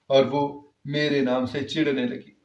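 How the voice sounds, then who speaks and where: A man of middle pitch narrates an emotional story in the first person, earnest and heartfelt. The recording is roomy, with a slightly dull tone. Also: level tone, a little mellow, distant mic.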